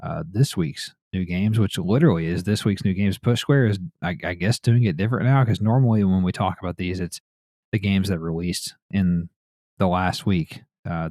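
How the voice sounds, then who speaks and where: A man's voice: deep voice, a little mellow, no room sound, studio quality. A man hosting a gaming news podcast, reading headlines and chatting casually in a laid-back way. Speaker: podcast host.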